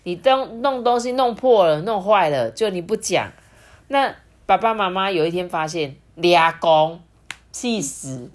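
A woman reading a children's storybook aloud, talking warmly and directly to young listeners. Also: medium pitch, normal speed. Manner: animated, talks directly to children.

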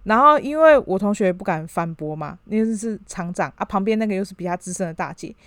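A woman, co-hosting a podcast and retelling a story in a casual, animated way with plenty of fillers. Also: medium pitch, fast, dry recording, studio quality. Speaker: podcast co-host.

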